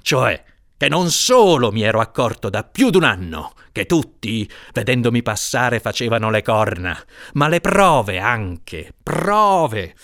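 A man reading aloud, voicing a grim, stubborn man with a jinx reputation who speaks insistently with bitter, drawn-out emphasis. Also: on the high side, fairly bright tone, pitched above the performer's own voice, heavily acted.

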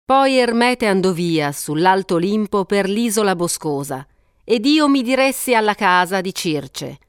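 A woman narrating an epic poem aloud in a measured, steady storytelling voice. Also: medium pitch, clean tone, no echo, studio quality.

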